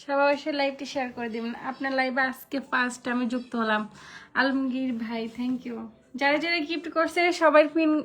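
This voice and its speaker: High-voiced woman with a Noakhali accent. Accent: Noakhali Bengali. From Noakhali, Bangladesh. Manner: chatty, thanks viewers by name. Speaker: live stream host. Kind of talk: casual live stream chat reading comments.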